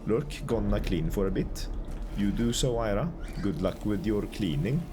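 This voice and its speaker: A man's voice: fairly low pitch, expressive, normal speed, noisy background. A man streaming a game, chatting politely with viewers and thanking them, with a stuffy nose and a cough. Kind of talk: casual gaming commentary.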